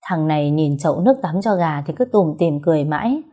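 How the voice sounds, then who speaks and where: A young woman narrating a story in a steady, expressive manner. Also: sits low, a little fast, husky.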